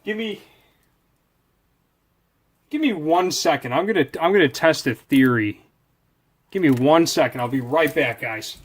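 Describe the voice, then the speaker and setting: A man with a higher-pitched, animated voice hosts a video channel and reviews products. He takes his time with long pauses, rambling casually through an unscripted unboxing and thinking aloud as he handles things.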